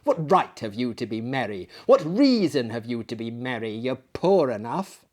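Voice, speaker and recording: A man's voice: medium pitch, sing-song, normal speed, darkish tone. Scrooge, a man doing a scornful old miser. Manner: snapping, indignant outbursts. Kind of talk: dramatic reading of a classic story.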